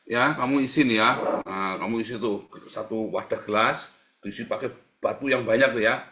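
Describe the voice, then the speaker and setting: A man preaching a sermon, mid-pitched and casual. He jokes with the congregation and speaks to them directly, as if in easy conversation. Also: moderate pace, bright, forceful tone. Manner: joking, conversational, addressing the congregation. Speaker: pastor.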